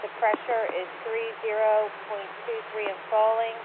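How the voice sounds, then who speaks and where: A woman's voice: medium pitch, little pitch movement, normal speed. A woman reading a weather report as a spotter checking into a ham radio net. She reads the figures steadily and in order, and her voice comes through a radio transmission with heavy static. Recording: tinny radio with loud static, distant.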